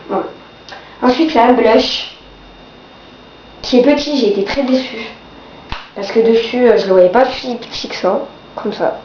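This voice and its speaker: A woman's voice: on the high side, warm tone. A young woman with a blocked-nose, sore-throat voice from a cold, casually reviewing products in a vlog. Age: teenager or young adult. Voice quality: congested, blocked-nose nasal voice. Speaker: beauty vlogger. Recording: dull, roomy, faint background noise.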